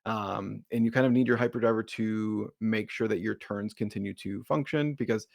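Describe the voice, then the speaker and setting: A man with a slight Boston accent explains his card game deck in a loose, easygoing ramble. His voice sits low with a gravelly edge, recorded dry and close with no room sound. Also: normal speed, dry recording. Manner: relaxed, rambling explanations with many fillers. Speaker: deck builder, co-host. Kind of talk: casual card game discussion.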